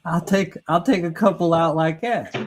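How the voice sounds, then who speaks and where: A man's voice: fairly high pitch, moderate pace, a little mellow, poor audio. A middle-aged man telling a rambling, profane story in casual talk, laughing at his own tale and restarting sentences as he goes. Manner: restarts and stumbles mid-sentence.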